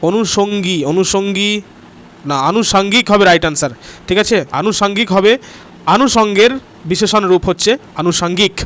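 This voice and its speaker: A man from West Bengal with a high, fairly bright voice teaches grammar in an online exam-prep class at a slightly fast pace. Speaking straight to his students, he checks "ঠিক আছে?" after each answer, cues "next question", and urges them to comment and like.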